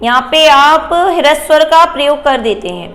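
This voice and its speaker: A woman teacher giving a Hindi grammar lesson, explaining slowly and asking and answering her own questions. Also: high-pitched, animated, a bit bright.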